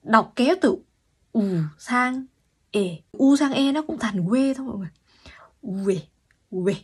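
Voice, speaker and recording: A woman language teacher giving an online pronunciation lesson, explaining patiently and repeating sounds slowly. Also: high-pitched, expressive, husky.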